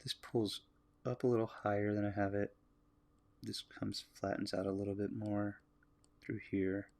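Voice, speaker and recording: A lowish, gravelly American male voice talks casually as he works on a drawing. He muses aloud and answers viewers' comments in a relaxed, easygoing way. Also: moderate pace. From United States. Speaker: artist livestreaming a drawing.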